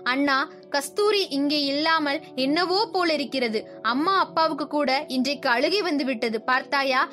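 Anxious little girl, high-pitched, pleading tearful questions, storybook audiobook, a woman reading her part. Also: moderate pace, sharp tone, soft background music. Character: young girl, anxious loving little sister.

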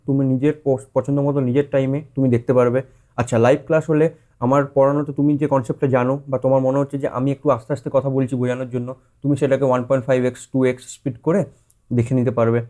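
A mellow, mid-range male voice belongs to a teacher introducing a course. Chatty and explanatory, he pronounces English loanwords with a Bengali accent, leans on fillers and rephrasings, and checks in with his students.

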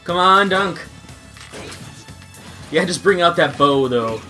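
Brief: young male gamer, fairly high animated voice, game music behind. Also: slow pace. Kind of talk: casual gaming banter.

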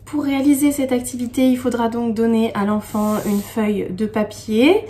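A kindergarten teacher speaking to young children in a slow, sing-song way, stressing each syllable and reading a poem gently. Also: female voice, fairly high pitch, fairly even intonation. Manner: reads the poem slowly and gently.

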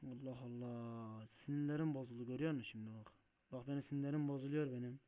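Excitable man playing a truck game. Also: medium pitch, rapid-fire. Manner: excitable, swears and shouts at mishaps; muttering to himself while driving. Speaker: gaming video host. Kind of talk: Let's Play commentary.

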